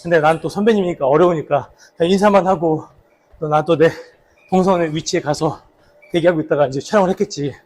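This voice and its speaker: A man with a slightly husky voice casually reminiscing for a vlog while out slow running. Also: fairly high pitch, a little mellow, slight background noise. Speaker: actor, vlog host. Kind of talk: casual vlog reminiscing about a past drama role.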